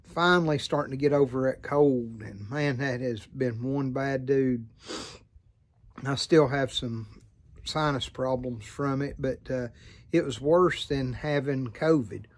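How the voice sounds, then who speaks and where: A middle-aged man with an American Southern accent chats casually to camera outdoors. His pitch is average for a man. He rambles in a folksy, unhurried way, like a hobbyist vlogger catching viewers up. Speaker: vlogger and hobby pipe maker. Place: outdoors by a farm field.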